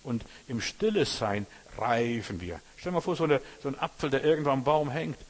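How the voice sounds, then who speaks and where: This preacher's voice is medium in pitch, animated and brisk. He gives an earnest sermon in German-language style, turning directly to his audience as brothers and sisters.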